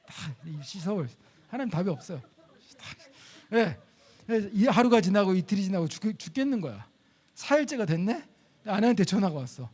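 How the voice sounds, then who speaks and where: A middle-aged man preaching, telling a personal story in an animated way and acting out the quoted dialogue with sudden jumps in pitch. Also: normal speed, breathy edge. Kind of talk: sermon storytelling.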